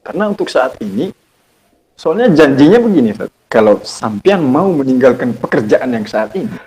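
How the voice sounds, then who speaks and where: Very animated at a normal speed, a young man with a medium-pitched, darkish voice shares a personal story as a podcast guest; the audio quality is poor. An Islamic teacher, he talks conversationally, earnestly and reflectively, and keeps quoting himself.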